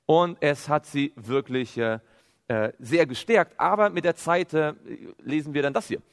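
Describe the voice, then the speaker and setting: A man's voice: fairly high pitch, a little slow. A man preaching a sermon, quoting scripture and firing off rhetorical questions that he answers himself. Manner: animated, asks rhetorical questions and answers them; quotes scripture. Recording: long hall reverb.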